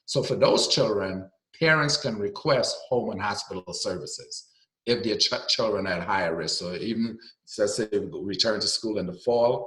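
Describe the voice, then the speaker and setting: A man's voice: on the low side, a bit bright, reverberant, poor audio. A man working as a special education advocate, explaining guidance earnestly over a video conference call with many fillers. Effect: video conference call audio.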